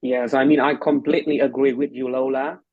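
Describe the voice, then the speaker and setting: A man with a Vietnamese accent, a medical lecturer and English tutor, hosts a casual chat as a conversational introduction. He speaks hesitantly, full of fillers and restarts, in a mid-range voice with flat, brisk delivery. The sound is phone-quality with no echo.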